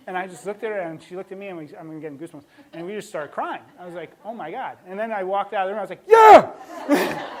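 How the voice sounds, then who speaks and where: A man's voice: high-pitched, poor audio. A man, a veterinarian, giving a talk to an audience, telling stories with emotion and laughing often.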